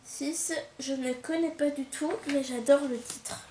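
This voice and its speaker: A woman's voice: high-pitched, unhurried. Chatty woman unboxing in an echoey room. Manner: chatty, many fillers and restarts, excited exclamations. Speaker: book vlogger. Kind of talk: casual unboxing chat. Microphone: camcorder. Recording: echoey room with faint noise.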